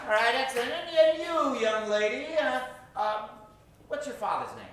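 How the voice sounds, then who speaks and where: A man hosts an improv comedy show as a theatrical showman, projecting to the crowd as he asks the live audience for suggestions. His voice is very high and fairly bright, with big pitch swings at a normal speed, recorded from a distant mic in a very echoey theater.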